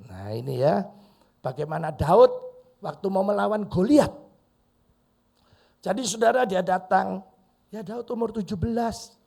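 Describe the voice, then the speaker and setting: Gravelly high-voiced pastor preaching. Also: male voice. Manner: lively preaching with sudden loud bursts and quoted dialogue. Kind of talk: sermon. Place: church hall.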